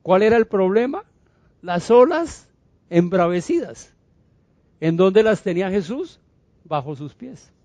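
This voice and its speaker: A man's voice: high voice, warm tone, no echo. A man preaching a sermon as a pastor, calling for responses from his congregation and acting out the figures in the story. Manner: acts out Bible figures' voices.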